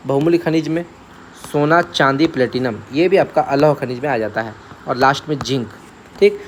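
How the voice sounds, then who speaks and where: A man's voice: a little high, slight background noise. Man teaching exam facts in a lecture. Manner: repeats key terms, asks and answers his own questions; checks in often with "theek hai".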